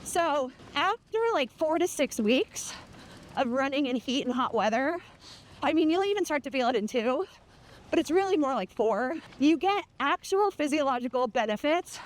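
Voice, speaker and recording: Woman, high pitch, talking while running, casual chat, playful, candid. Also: expressive, normal speed.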